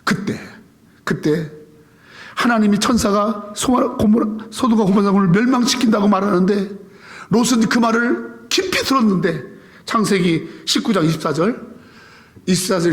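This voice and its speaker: Man in his fifties, Korean accent, pastor, lively Sunday sermon, high voice, sudden drops to hushed pleading. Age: 50s. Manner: animated preaching, acting out quoted prayers, dropping to soft hushed pleas. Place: church sanctuary.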